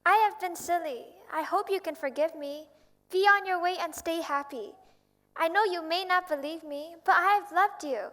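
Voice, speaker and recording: Tender proud rose, very high voice, wistful. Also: female voice, moderate pace, pushed and bright. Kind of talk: stage play performance. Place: school auditorium stage.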